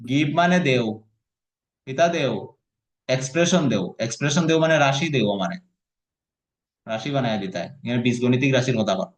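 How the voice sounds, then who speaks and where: A man's voice: medium pitch, moderate pace, pauses often. A man teaching an online lesson, patiently coaxing his student and breaking words into syllables.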